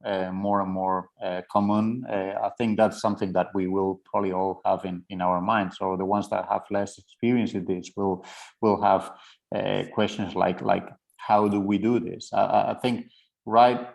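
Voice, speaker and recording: A man's voice: low voice, creaky, darkish tone. A man with a Spanish accent moderating a panel, hesitant and repeating words often. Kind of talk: panel discussion.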